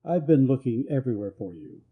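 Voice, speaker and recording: A man voicing a polished, educated Southern gentleman who speaks in a pleading, apologetic way. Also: medium pitch, big pitch swings, brisk, slightly rough, phone-quality sound.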